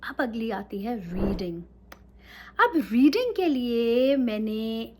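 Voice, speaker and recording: A woman's voice: fairly high pitch, a little hiss or hum. A woman teaching English in a casual talk, mixing Urdu and English and often checking in with her listeners.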